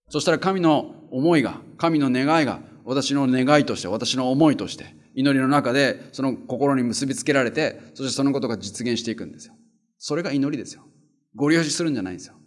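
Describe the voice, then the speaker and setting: A man preaches in a plain conversational tone, reading scripture passages aloud with more force. Between verses he drops into quieter, pointed asides and asks the listeners rhetorical questions. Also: mid-range voice. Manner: colloquial, rhetorical questions, emphatic desu-yo endings. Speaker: pastor. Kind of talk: sermon reading scripture and explaining.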